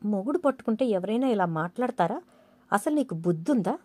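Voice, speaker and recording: A woman's voice: mid-range voice, animated, fairly quick, dark tone, husky, no echo. A woman voicing a playful, romantic young husband who coaxes and teases his wife. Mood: mock-scolding. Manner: playful, coaxing.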